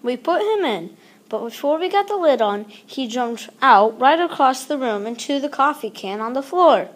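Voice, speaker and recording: A woman with a high voice reads a children's picture book aloud at a normal speed. She reads expressively and animatedly, acting out the exclamations and the dialogue like a proper storybook reader.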